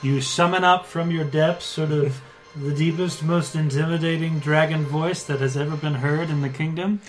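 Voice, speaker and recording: A man with a somewhat high voice narrates a tabletop game as its game master. He builds descriptions haltingly and rephrases as he goes. Music plays faintly behind him. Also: fairly even intonation, low-quality recording.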